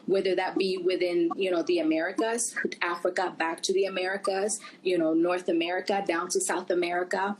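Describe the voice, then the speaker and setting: A woman's voice: lowish voice, rough recording. A middle-aged woman from Puerto Rico, a guest speaking in a casual interview, conversational and full of "you know" fillers. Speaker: travel company founder, guest. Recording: faint background noise.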